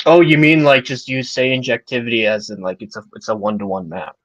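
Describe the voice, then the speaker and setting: A man's voice: medium pitch, steady tone, fairly quick, dry recording, dull audio. A young man co-hosting a math chat over a video call, thinking aloud as he answers and adding jokey asides. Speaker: co-host answering questions. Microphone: video call mic.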